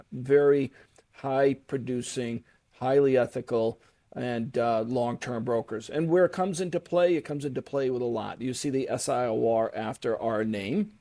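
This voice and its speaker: A middle-aged man talks through his points in a relaxed interview. His voice is gravelly with a dark, mellow tone. He pauses on fillers and restarts his sentences as he goes. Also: mid-range voice. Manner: explains at length with fillers and restarts. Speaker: guest, commercial real estate broker. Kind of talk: conversational interview.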